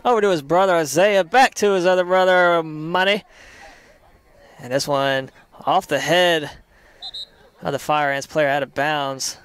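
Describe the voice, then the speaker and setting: A young man calling a live college soccer match play by play, steady between plays and rising sharply on chances. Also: on the high side, measured pace, long pauses, clean tone. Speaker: play-by-play commentator.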